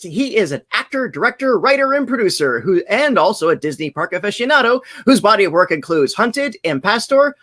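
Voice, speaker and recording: A woman with a medium-pitched, slightly bright voice hosts a virtual convention panel on a video call. She reads upbeat scripted introductions, moderates the discussion, and laughs often.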